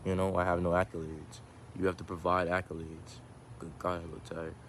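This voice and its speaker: A low-pitched man talks a little fast into his phone camera while outdoors in the sun, with slight background noise. It's a casual, wandering, reflective vlog full of false starts and fillers, delivered at times in a monotone.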